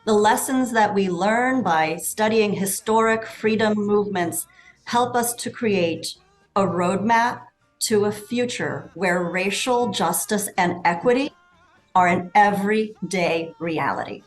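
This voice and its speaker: A woman delivers a formal welcome address at a slow, unhurried pace. Her voice sits in an ordinary middle register, with faint music playing behind her. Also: mid-range voice, rough recording. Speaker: school CEO welcoming the community. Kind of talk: scripted welcome remarks.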